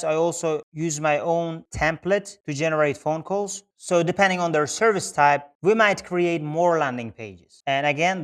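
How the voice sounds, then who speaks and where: A man with a fairly high, clean-toned voice works through a screen-share tutorial as a Google Ads specialist. He explains things methodically, step by step, repeating his phrasing.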